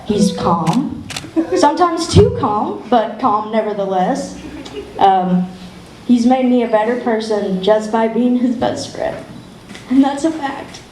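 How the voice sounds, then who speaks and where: A woman's voice: a little high, animated, slow pace, mellow. Tearful young woman giving a wedding toast. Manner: laughing often, emotional, close to tears. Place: wedding reception room. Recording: echoey room, distant mic, faint noise.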